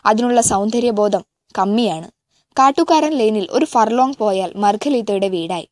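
A woman reading a novel aloud in a measured, even way, now and then stopping to correct a slip. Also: medium pitch, no echo, clean studio sound. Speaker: audiobook reader.

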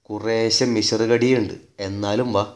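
A man voicing a gruff, grumbling middle-aged village man in a spoken story. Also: lowish voice, level tone, unhurried, lightly acted.

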